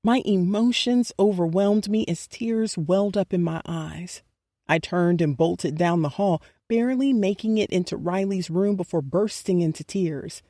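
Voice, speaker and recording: A woman reads a first-person audiobook with mellow, dark warmth and an intimate, emotional delivery. The recording is dry and close to the mic. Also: lowish voice, unhurried, no echo. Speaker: audiobook narrator.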